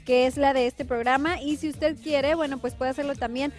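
A woman's voice: sits high, fairly even intonation, normal speed, soft background music. A woman co-hosting a live morning TV show, chatty, giving weather advice and reading viewer greetings, with a Northern Mexican accent. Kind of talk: lively morning TV chat. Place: TV studio.

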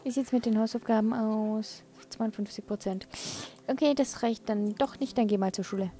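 A woman's voice: a little high, fairly even intonation, moderate pace, mellow. A woman hosting a let's play, casually commenting on her game and coaxing the characters along.

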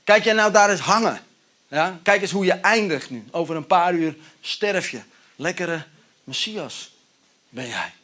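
A man's voice: on the high side, slow pace, a bit bright. A man preaching a sermon voices a criminal on a cross who mocks in a sarcastic, scornful tone. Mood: mocking. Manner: sneering, scornful.

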